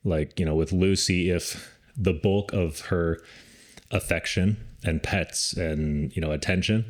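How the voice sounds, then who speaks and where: Deep-voiced man chatting casually. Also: measured pace. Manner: relaxed, rambling with many fillers. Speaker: podcast co-host, dog rescue trainer. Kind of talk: casual conversational advice.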